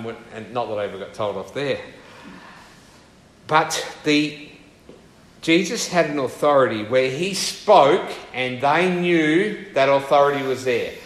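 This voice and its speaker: A man's voice: mid-range voice, a bit bright. A man giving an informal sermon in church, reading Bible passages and talking easily with asides to his congregation. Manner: conversational, with many fillers and asides to the congregation. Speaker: preacher. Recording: echoey room.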